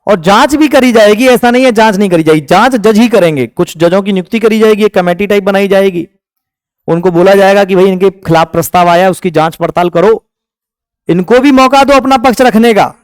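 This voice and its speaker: Male teacher from India. High, smooth voice. Fires questions at the class and answers them himself. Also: brisk, no echo, studio quality. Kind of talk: exam-prep lecture.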